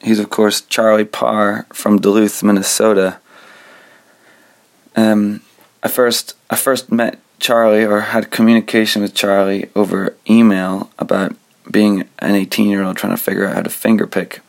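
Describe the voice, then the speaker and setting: Gravelly young male radio host. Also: fairly low pitch, moderate pace. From Scotland. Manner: relaxed and conversational, thinking aloud as he goes. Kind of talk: casual radio presenting.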